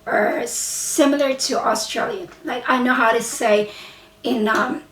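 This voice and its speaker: Talking to camera in a relaxed, rambling way, a woman from the Philippines who teaches English and vlogs keeps correcting herself as she goes slowly along. Her Filipino-accented voice is a little high and fairly bright, heard from a distance in an echoing room.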